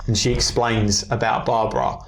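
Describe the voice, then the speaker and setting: A man's voice: lowish voice, little pitch movement, moderate pace, echoey room. A man on a casual podcast, rambling through a story idea and acting out lines from scenes as he goes. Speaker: co-host.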